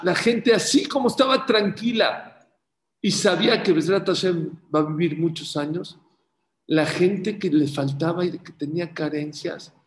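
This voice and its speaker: A man's voice: high-pitched, creaky, roomy sound. A man giving a Torah lesson, telling stories and acting out both sides of the dialogue. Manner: animated storytelling, voicing both sides of a dialogue. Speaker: rabbi.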